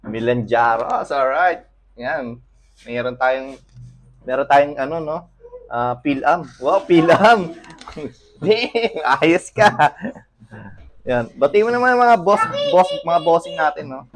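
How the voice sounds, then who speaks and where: A man's voice: on the high side, expressive, takes it slowly, pauses often, faint music behind. A man from the Philippines who runs a computer shop, chatting casually in a vlog, easygoing and laughing often, a little out of breath. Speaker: computer shop owner and vlogger.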